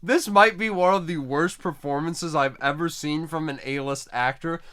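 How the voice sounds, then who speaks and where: A man's voice: a little high, moderate pace, fairly bright tone, clean tone. A young man hosting a casual movie review, talking loosely with slang and laughing often. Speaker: host of a movie review channel.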